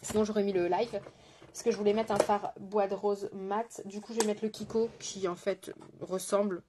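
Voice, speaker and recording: A woman's voice: mid-range voice, steady tone, normal speed, background noise. A woman with a French accent, a makeup artist chatting casually through a live tutorial, greeting viewers and joking about herself. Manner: chatty, greets viewers, self-mocking asides.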